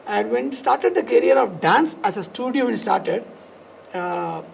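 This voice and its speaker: A man with a South Indian accent and a gravelly, creaky voice, telling his story conversationally in loose, fragmented, repetitive phrases. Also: high voice, animated, unhurried, slight background noise. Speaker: dance studio founder and teacher, podcast guest.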